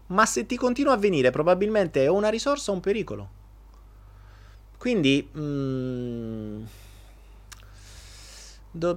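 Animated man chatting live. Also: on the high side. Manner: animated, jokey, talks to viewers directly. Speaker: live stream host answering viewers. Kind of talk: casual live chat.

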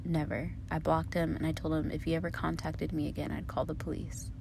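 A woman in her thirties with a low, gravelly voice, talking straight to her viewers. She tells her story candidly and casually, swearing freely. A faint hiss sits behind the recording. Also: little pitch movement, brisk. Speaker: vlogger.

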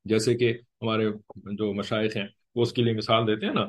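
Man, religious lecture, explanatory, lowish voice. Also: little pitch movement, normal speed. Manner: explanatory, repeats "ठीक है" often; acts out short quoted lines in changed tones. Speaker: religious teacher.

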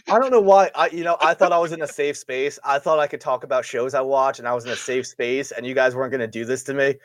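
A man's voice: mid-range voice, steady tone, fast talker. A man hosting a casual podcast, rambling, laughing often and swearing freely. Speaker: podcast host. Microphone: studio microphone.

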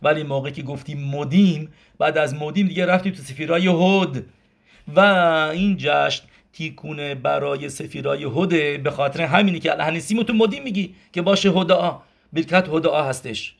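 A rabbi whose voice sits on the high side, with vocal fry, delivers a Torah lesson in Persian. He lays things out step by step, counting gematria out loud and questioning himself before giving the answers.

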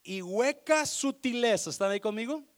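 A man's voice: very high voice, lively intonation, normal speed. A man pastor preaching a sermon, emphatic and exhorting, often calling out questions to his congregation.

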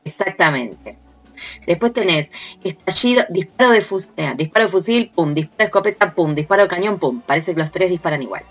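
A woman's voice: fairly low pitch, lively intonation, a little fast, breathy edge, faint music behind. A woman with a Rioplatense Spanish accent, hosting a casual podcast chat, playful and laughing often as she sounds out onomatopoeia. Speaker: podcast host.

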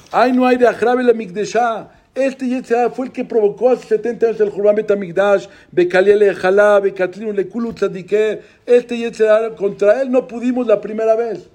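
A man's voice: sits high, dark tone. A man giving a religious lecture, preaching and asking rhetorical questions. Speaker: religious speaker.

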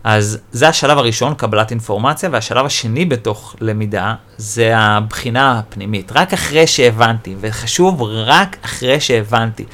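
A man hosting a podcast, explaining personal growth in an animated monologue, acting out inner thoughts and repeating key phrases. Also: on the low side. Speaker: podcast host and personal development teacher.

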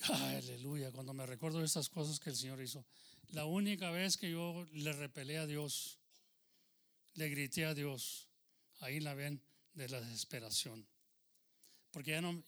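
Pastor telling his story, higher-pitched man. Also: a bit bright. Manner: conversational, addressing listeners as brother. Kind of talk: testimony sermon.

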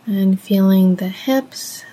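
This meditation is guided by a woman whose soft, mellow voice sits in the mid-range and carries a little breathiness. She takes her time, offering short, gentle phrases broken up by long silences, and the recording sounds rough.

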